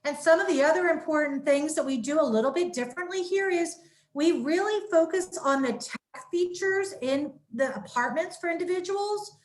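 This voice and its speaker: High-pitched woman giving a promotional presentation. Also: moderate pace. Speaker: senior living marketing director. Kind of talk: promotional presentation on a video call.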